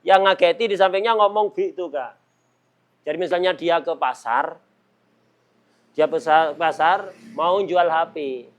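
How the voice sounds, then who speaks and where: A man teaching a religious lesson, playful and quick to laugh, mimicking people for examples. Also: fairly high pitch. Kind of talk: kitab study lesson.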